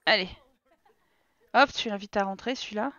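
A woman's voice: medium pitch, moderate pace, fairly bright tone, no room sound, lo-fi sound. A woman streamer giving casual let's-play commentary, talking to and scolding her game characters in an exasperated way. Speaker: gaming streamer.

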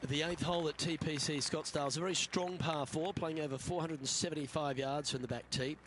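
An actor playing a composed male golf broadcaster, giving measured, scripted play-by-play for a video game. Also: fairly high pitch, fairly even intonation, lightly acted. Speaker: golf commentator. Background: game music.

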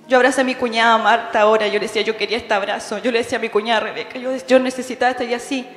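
Emotional Chilean woman in echoey church. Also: fairly high pitch. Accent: Chilean Spanish. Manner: heartfelt, emotional, calls listeners "hermano". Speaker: bereaved daughter giving testimony. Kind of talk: memorial testimony to a congregation. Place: church hall. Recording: echoey church hall with faint music.

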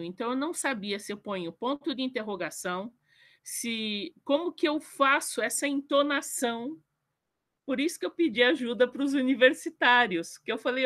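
A woman speaking through her computer mic on a video call in an online book club. Her voice sits a little high and she talks casually, often poking fun at herself. She slows right down when she reads her short poem aloud. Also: a bit bright. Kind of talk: casual online group chat.

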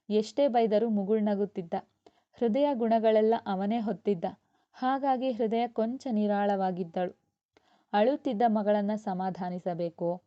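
A woman storyteller giving a steady, expressive scripted narration of a serialized novel. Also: mid-range voice. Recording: dull lo-fi.

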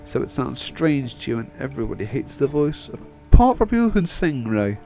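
A young let's player jumps between thoughts in casual, self-deprecating commentary, his medium-pitched voice sing-song and brisk. It sounds mellow and fried at the edges, tired from hours of talking, while game end-credits music plays faintly behind his microphone voice-over.

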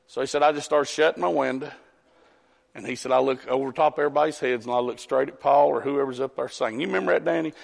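A man's voice: medium pitch, fairly even intonation, quick pace, vocal fry. A man preaching a folksy storytelling sermon, calling on congregants by name. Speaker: pastor. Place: church sanctuary. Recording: long church hall reverb.

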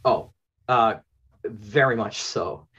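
Sitting in a small room at home with bookshelves behind him, a middle-aged man from Canada tells stories casually as an interview guest on a video call; he produces audio dramas. His voice is fairly low, a bit bright and slightly rough, and he takes his time. The sound quality is dull.

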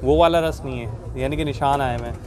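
In his 20s and from Pakistan, this man hosts a car market vlog with a repetitive, explanatory delivery, mixing a walkthrough with short interviews outdoors at an open market. His mid-range voice is fairly quick, and his arm's-length phone catches busy street chatter.

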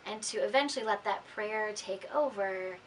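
A middle-aged woman giving gentle spoken instruction in a measured way, her phrases trailing off softer. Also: mid-range voice, low-quality recording. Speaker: prayer practice teacher. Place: small indoor room, seated. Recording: faint steady room noise.

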